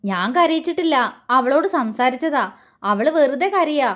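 A woman's voice: sits high, animated, moderate pace, a bit bright. A woman doing a teasing, protective young man. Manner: teasing, then grave.

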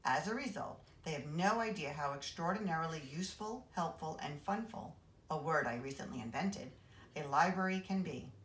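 A woman reads a children's novel aloud with expressive, animated delivery. Her voice sits low but swings widely in pitch, and the room around her is roomy and echoing. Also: normal speed. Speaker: assistant principal reading aloud. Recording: roomy echo.

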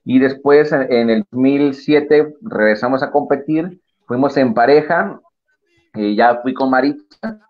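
A man's voice: medium pitch, measured pace. A man, a salsa dancer, telling a long story as a guest on a live-stream interview over video call, with lots of fillers. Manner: rambling, storytelling with many fillers. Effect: lo-fi video call audio. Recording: dull lo-fi video call audio.

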